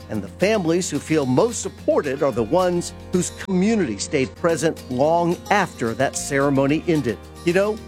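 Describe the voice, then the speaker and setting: Lively male radio announcer over soft music. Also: on the high side. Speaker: radio host. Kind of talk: radio ad read and local news.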